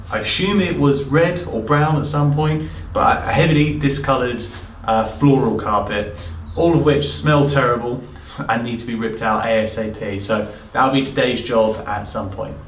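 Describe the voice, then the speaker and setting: A man's voice: medium pitch, a little hiss or hum. Man touring an echoey empty house. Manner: relaxed, thinking aloud with many ums. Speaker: property renovator. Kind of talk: casual walkthrough vlog. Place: empty house, bare indoor rooms. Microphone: camera mic at a distance. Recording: echoey empty rooms, slightly distant mic.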